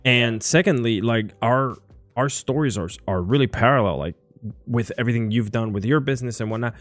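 With soft background music underneath, a man hosting a podcast talks in a loose, excited, meandering way during a casual interview chat. His voice is mid-range and his pace a little fast.

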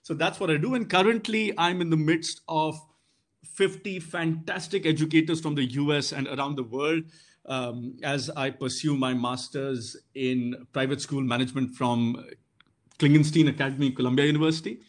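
Man, posh educated Indian accent, fairly high pitch, formal, articulate, self-rephrasing interview guest. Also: fairly even intonation, normal speed. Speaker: guest, English teacher and boarding school housemaster. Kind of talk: considered interview answers.

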